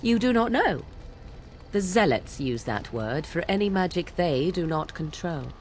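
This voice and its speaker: Over game music, an actress voices a sly young witch in a lowish, expressive voice that moves a little slowly. Her teasing is wry and archly formal, the witch mocking and aloof.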